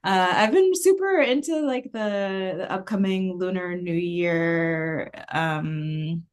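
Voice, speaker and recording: A woman introducing herself on a video call during an online class, hesitant and filling pauses with ums and likes. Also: lowish voice. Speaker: class participant, artist. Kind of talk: casual introduction.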